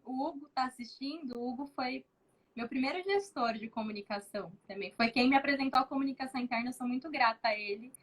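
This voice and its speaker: A woman, a journalist guest telling stories in casual chat, animated and laughing often. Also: high voice, quick pace, husky, poor audio. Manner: animated, acts out quoted voices, laughs often.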